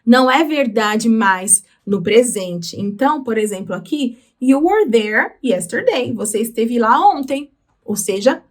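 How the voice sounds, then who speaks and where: A woman with a Brazilian Portuguese accent teaching English through song lyrics, explaining patiently and slowing down on words. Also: a little high. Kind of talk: explaining lyrics in a language lesson.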